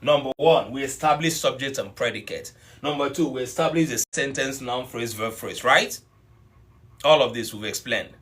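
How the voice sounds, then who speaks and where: This is a live online language lecture led by a middle-aged man with a medium-pitched, fairly bright voice at a moderate pace. Patient and explanatory, he repeats his points and addresses students by name.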